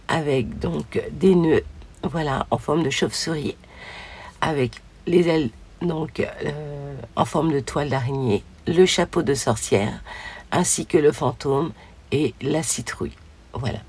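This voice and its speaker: Hoarse lady doing a chatty craft demo, lots of ums, gravelly voice, faint hiss behind. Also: low voice, a little mellow. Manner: chatty, many fillers and "voilà". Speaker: craft video host. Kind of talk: casual crafting demonstration.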